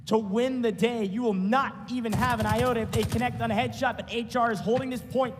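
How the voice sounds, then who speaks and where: A man working as an esports caster, giving excited, dramatic live play-by-play in emphatic, punchy phrases. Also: very high-pitched, a little fast, background noise. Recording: long hall reverb, music underneath. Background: music.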